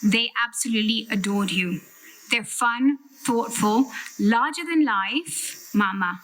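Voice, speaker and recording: Higher-pitched woman, heartfelt eulogy. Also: fairly bright tone, a little hiss or hum, poor audio. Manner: heartfelt, emphatic, deliberate phrasing. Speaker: sister giving a farewell eulogy. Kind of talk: prepared eulogy speech.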